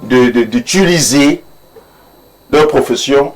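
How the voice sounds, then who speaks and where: A man's voice: medium pitch, takes it slowly, faint music behind, low-quality recording. A man, an imam speaking earnestly and preachily in a studio debate, repeating phrases for emphasis. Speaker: imam, panel guest.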